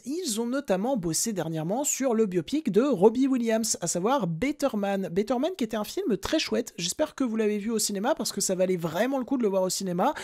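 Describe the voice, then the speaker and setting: A woman's voice: mid-range voice, a little mellow. Woman, young adult, podcast host, chatty, self-mocking, casual film talk.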